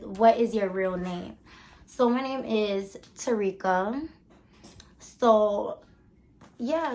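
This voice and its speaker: A 21-year-old woman from the Bronx, chatting casually through a Q and A, rambling with lots of fillers. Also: fairly high pitch. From the Bronx, New York. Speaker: vlogger. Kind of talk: casual Q and A chat.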